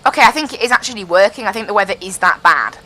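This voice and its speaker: A woman's voice: medium pitch, lively intonation, racing, pushed and bright. A woman flying a simulated airliner, talking into a pilot headset and chatting casually as she explains each step. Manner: chatty, explains as she flies, repeats "I have to be honest". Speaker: flight sim pilot and streamer. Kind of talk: casual live-stream commentary over a cockpit headset.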